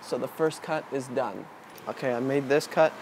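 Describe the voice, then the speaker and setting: A man in his twenties, a DIY tutorial presenter, gives a casual, unscripted how-to demonstration while working with his hands on an outdoor wooden porch. His voice is mid-range at normal speed, captured by outdoor camera audio with steady background noise.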